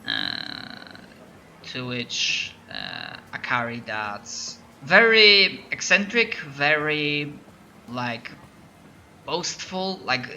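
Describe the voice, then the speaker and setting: A Polish man narrates as game master in a Polish accent, hesitant and often stopping to restart sentences. His medium-pitched voice is bright and forceful. There's a slight hiss or hum.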